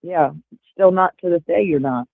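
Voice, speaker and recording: This livestream guest, a woman in her 40s, rambles casually with lots of fillers while on a call through earbuds. Her voice runs on the low side with vocal fry at a moderate pace, and there's no room sound, just a tinny phone-line quality.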